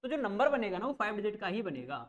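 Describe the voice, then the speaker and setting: In a muffled recording, a coaching teacher with a high-pitched, sing-song voice teaches math online. He stays patient and reassuring, moves slowly through each step, repeats the numbers and checks that students follow, using simple explanations.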